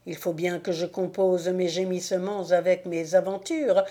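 A woman's voice: fairly low pitch, steady tone, moderate pace, warm tone, natural voice. A woman reading an audiobook, voicing a wretched male devil disguised as an old slave who pleads and groans in self-pity. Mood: wheedling.

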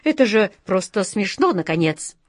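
A woman's voice: mid-range voice, sing-song, normal speed, dry recording, studio quality. Woman doing a firm, scoffing sea captain. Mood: dismissive. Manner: firm and dismissive. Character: calm, decisive, mocking sea captain man.

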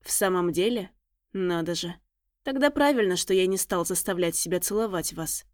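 A woman voicing a blunt, teasing male tracker and bodyguard with a husky low voice in an audiobook. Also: normal speed, darkish tone, dry recording, studio quality, lightly acted. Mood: mocking. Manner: teasing, frank, mocking.

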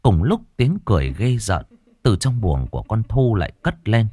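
A man narrating a ghost story in a slow, dramatic, suspenseful way. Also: lowish voice, big pitch swings, dark tone, no room sound. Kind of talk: scripted horror narration.

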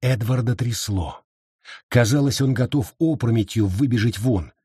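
A man reading an audiobook as the narrator, in measured scripted narration. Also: mid-range voice, dark tone, slightly rough, no room sound, studio quality.

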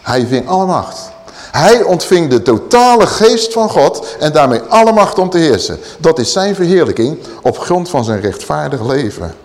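A man preaching with a lively, swooping delivery that climbs for quoted verses. His voice sits a touch high for a man. The hall gives it a long echo. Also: normal speed. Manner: emphatic, lively preaching with raised quoted passages. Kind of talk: sermon.

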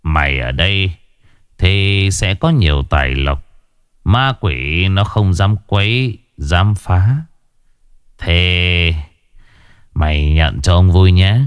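A man voicing a scheming, gruff old village chief who commands his servant in a deep, low tone. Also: takes it slowly, pauses often, no echo. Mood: falsely jovial. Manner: commanding, gruff, falsely jovial.

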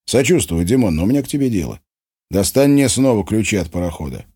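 A man's voice: fairly low pitch, very animated, quick pace, dark tone, slightly rough, full character voice. A man voicing an earnest young man who argues urgently and persuasively.

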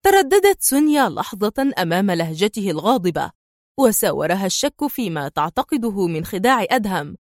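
A woman narrating a thriller audiobook in a vivid, expressive storytelling manner. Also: mid-range voice, brisk, no echo, studio quality.

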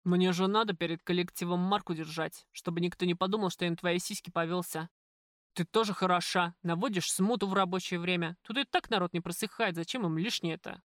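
A woman voicing a crude, pushy male restaurant boss in an audiobook, gruff and wheedling by turns. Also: on the low side, fairly even intonation, brisk, no room sound, clean studio sound, natural voice. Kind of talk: audiobook character voice.

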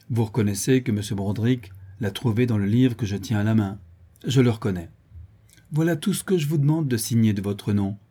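Male narrator as a hard, unbending lawyer grilling a suspect. Mellow, husky voice. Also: fairly low pitch. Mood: measured. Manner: cold, hammering cross-examination. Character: stern middle-aged male country lawyer, relentless.

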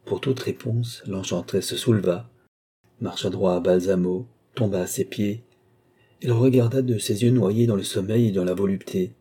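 A man narrating a classic novel as an audiobook, in measured, expressive storytelling. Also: fairly low pitch, husky. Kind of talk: scripted literary narration.

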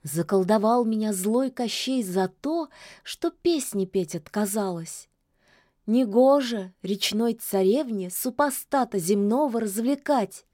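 A woman voicing a young river mermaid princess in a fairy tale, with a clear, ringing voice. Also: medium pitch, takes it slowly, dark tone, no room sound, clean studio sound, natural voice. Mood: grateful.

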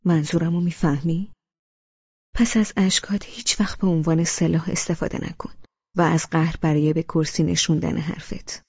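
A woman voicing a gentle, teasing young husband in an audiobook, calm and reasoning, in a dull lo-fi recording. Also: sits low, breathy edge, big-room sound. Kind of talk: audiobook character reading.

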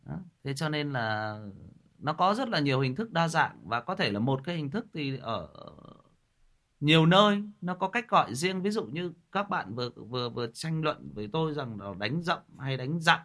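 A chatty young man hosts a livestream, talking straight to his viewers. His voice sits fairly high for a man, and his pitch jumps around a lot. He scolds one commenter in a teasing big-brother way. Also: animated, normal speed, a bit bright. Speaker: ghost story livestream host. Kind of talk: casual livestream chat with viewers.

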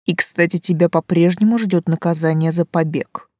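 Mellow low mocking forest spirit guy, a woman reads him, calm and creepy, dry sound. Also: normal speed, dry recording, lightly acted. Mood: teasing. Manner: calm, teasing, quietly menacing.

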